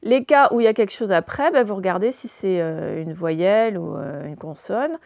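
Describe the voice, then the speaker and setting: A woman's voice: medium pitch, lively intonation, moderate pace, gravelly, darkish tone, dry recording. A woman teaching a phonics lesson to young children, patiently spelling out letters one by one.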